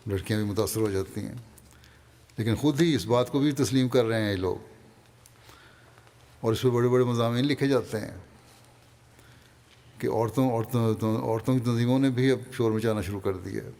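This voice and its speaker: A man with a Pakistani Urdu accent delivering a Friday sermon, calmly reading and explaining quoted passages. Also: lowish voice, long pauses, big-room sound. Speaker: religious leader giving a Friday sermon.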